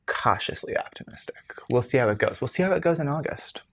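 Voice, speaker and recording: A man co-hosting a casual podcast, talking in a lively, self-teasing way and jumping up in pitch for emphasis. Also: fast talker. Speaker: podcast co-host. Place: podcast recording space with camera crew. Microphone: microphone.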